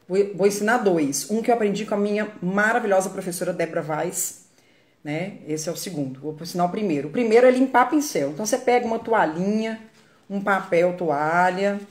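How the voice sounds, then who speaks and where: A woman's voice: medium pitch, a little mellow. A Brazilian woman giving a live makeup tutorial from her phone, chatty and greeting viewers by name as she works. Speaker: makeup artist.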